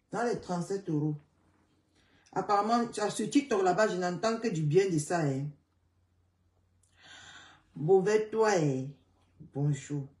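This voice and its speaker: A hoarse woman hosting a casual live chat, greeting viewers by name and repeating calls to share. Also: mid-range voice, darkish tone, far from the mic. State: hoarse, voice partly gone. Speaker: livestream host. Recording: roomy sound, away from the mic.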